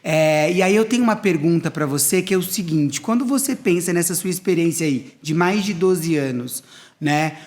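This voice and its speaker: A man's voice: fairly high pitch, normal speed. A middle-aged man hosting a school talk show, explaining ideas step by step in a conversational way. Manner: explanatory, builds points in steps. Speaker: academic director hosting a school podcast. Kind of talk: conversational interview.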